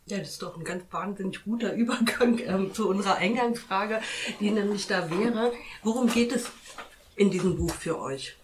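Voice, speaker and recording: A woman in her forties from Potsdam leads a casual roundtable in a lively, engaged way. She sounds distant from the mic in a roomy space, with faint noise behind her. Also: medium pitch, normal speed. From Potsdam, Germany. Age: 40s.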